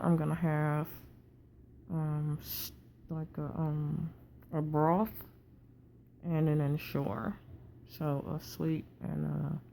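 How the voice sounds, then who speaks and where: A woman recording a casual video diary after jaw surgery, talking with effort through a wired-shut jaw, muffled and halting, sounding tired and sore. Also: deep voice, vocal fry, warm tone, a little hiss or hum. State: tired, sore with swollen cheek. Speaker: patient recovering from jaw surgery.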